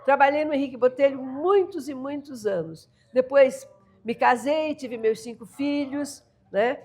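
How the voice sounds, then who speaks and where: An older woman from the São Paulo coast of Brazil, speaking Brazilian Portuguese with a caiçara accent, is an interview guest animatedly telling folk tales. Her voice sits high and moves a little slowly as she laughs and voices family members in dialogue.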